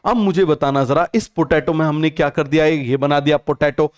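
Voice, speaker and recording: A man's voice: on the high side, fairly even intonation, brisk. A young man teaching a biology lesson online. He keeps asking questions and answering them himself, repeats each term several times, and mixes English terms into Hindi. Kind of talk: online class lecture.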